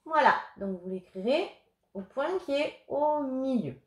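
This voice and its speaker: A woman teaching young children remotely, dictating words slowly and patiently. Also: sits high, lively intonation. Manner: slow, clear, patient dictation. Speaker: primary school teacher. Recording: echoey room.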